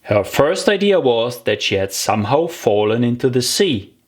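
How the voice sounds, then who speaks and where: An audiobook narrator reading a children's story in an expressive, deliberate storytelling manner. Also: mid-range voice.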